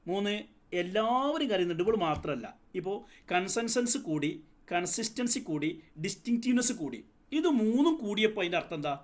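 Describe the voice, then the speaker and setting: A man's voice: high-pitched, big pitch swings, a little fast. A man teaching a psychology lesson, explaining step by step, asking the class questions and mixing in English terms. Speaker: psychology tutor. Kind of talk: lecture.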